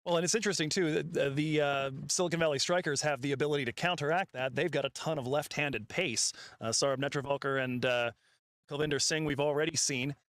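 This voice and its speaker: A man doing play-by-play on a live cricket match, calling each ball and slipping in statistics between frequent fillers. His voice sits a little high, and the sound is dry and close to the mic. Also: fast, fairly bright tone, dry recording. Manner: calls the action, quotes stats, frequent fillers. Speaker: cricket commentator.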